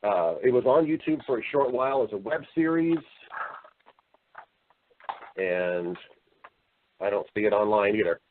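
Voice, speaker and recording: Heard over a muffled, narrow, phone-like line with background noise, an American voice actor and entertainer recounts his story as an interview guest. His voice is fairly low and animated, a little slow with frequent pauses, and he rambles casually, often repeating words.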